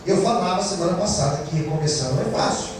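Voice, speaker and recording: A man's voice: a little high, animated, quick pace, a crowd in the background. A Brazilian man preaching a sermon as pastor, emphatic and calling the congregation to say amen. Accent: Brazilian Portuguese. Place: church. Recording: very echoey church hall, distant mic.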